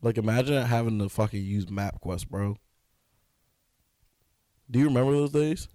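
A young man in his twenties cracking jokes and slipping into quoted voices as he chats on a podcast. His voice sits at a middle pitch and sounds dry and close, with no room around it. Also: normal speed, warm tone, no echo. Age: 20s. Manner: joking, acts out quoted voices, slangy. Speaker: podcast co-host. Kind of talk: casual chat.

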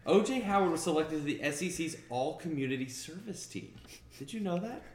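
A man's voice: fairly high pitch, expressive, brisk. Male co-host, dry teasing remarks, echoey room with audible noise behind him. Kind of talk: casual sports chat.

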